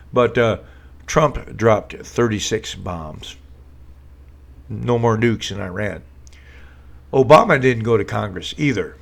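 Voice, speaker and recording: Sarcastic political chatter fills a man's casual home live stream, shot in front of a green screen, as he rambles with plenty of fillers and restarts. His voice is mid-range and creaky, with a fairly bright tone.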